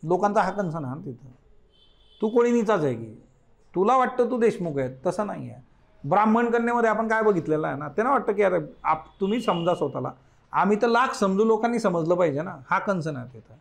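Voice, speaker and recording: Man, literature teacher, high voice, exam-prep lecture, reads passages aloud and explains, addresses the class. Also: lively intonation, fast, gravelly. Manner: explains line by line, often addresses the class as 'friends'; reads passages aloud then comments on them.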